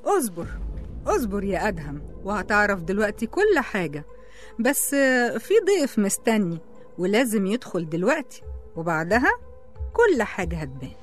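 Woman doing a scheming egyptian girl in a radio drama, calm and mocking, faint music under it. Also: medium pitch, normal speed, close to an everyday voice. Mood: coy, teasing. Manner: calm, taunting, in control. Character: cunning young woman revealing her revenge plot. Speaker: office colleague.

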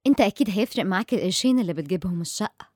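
A woman's voice: medium pitch, animated, racing, a little mellow, no echo, clean studio sound, natural voice. An actress playing a determined, persuasive woman doctor in a radio drama, with an Egyptian accent and an assertive manner. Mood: coaxing. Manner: assertive, coaxing. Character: determined, persuasive female doctor investigating a mystery.

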